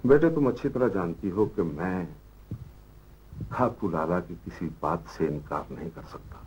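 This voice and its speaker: An actor playing a stern father who pleads firmly and slowly with his daughter, on a muffled old TV drama soundtrack. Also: low voice, a little mellow, slightly rough. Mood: pleading. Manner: pleading yet firm, slow and weighty.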